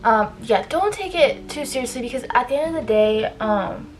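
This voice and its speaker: A fairly high-pitched young woman speaks at a moderate pace with lively intonation, soft music playing behind her. While doing her makeup for a get-ready-with-me vlog, she chats informally about college, filling her advice with "like" and trailing asides.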